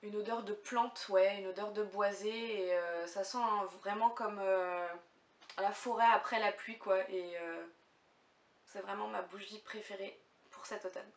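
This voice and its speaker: A woman's voice: medium pitch, steady tone, unhurried. A young woman vlogging casually to camera, chatty and hesitant, with lots of fillers. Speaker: beauty vlogger. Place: room at home. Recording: echoey room, mic far off, faint hiss.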